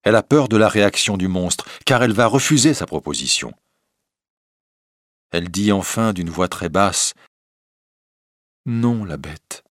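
A man narrating a fairy tale in a slow, clear, measured reading. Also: on the low side, fairly bright tone, no echo. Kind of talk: storybook reading.

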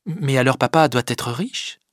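A man's voice: medium pitch, unhurried, fairly bright tone, no room sound, clean studio sound, natural voice. A man reading aloud who voices an earnest young daughter asking her father pleading questions. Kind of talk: audiobook reading.

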